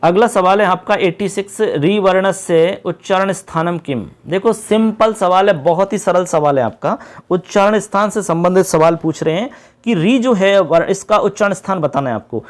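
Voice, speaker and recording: A man teaching an exam-prep lesson, patiently repeating key points and reading questions out slowly. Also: high-pitched.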